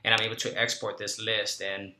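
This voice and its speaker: A man from Los Angeles County rambling casually to camera about his marketing work, often correcting himself and clearing his throat. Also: fairly low pitch, level tone, fairly quick, bright, forceful tone, echoey room. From Los Angeles County, California. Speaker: marketing agency owner. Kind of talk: casual vlog talk to camera.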